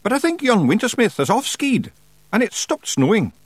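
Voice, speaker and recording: A man's voice: high voice, sing-song, normal speed, no echo, pitched above the performer's own voice. A man voicing a small, rowdy male pictsie who speaks nervously with a lilt. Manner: nervous, hesitant.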